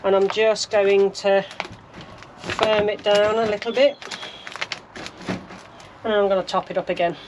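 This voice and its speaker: Working in her allotment greenhouse, a British gardening vlogger talks through her sowing in a chatty, practical way, thinking aloud as she goes. She has a mid-range voice and a level tone, speaks a little slowly with long pauses, and there is background noise.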